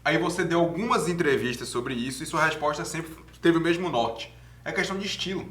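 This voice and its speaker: Fast-talking man co-hosting. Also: on the high side, fairly bright tone, reverberant. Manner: joking, quick banter. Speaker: co-host interviewer. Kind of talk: casual bar chat.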